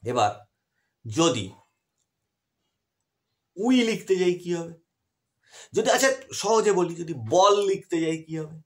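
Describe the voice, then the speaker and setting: Male tutor, animated pitch, patient explainer, asks students questions. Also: takes it slowly, pauses often. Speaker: English grammar teacher. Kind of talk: explanatory online lesson.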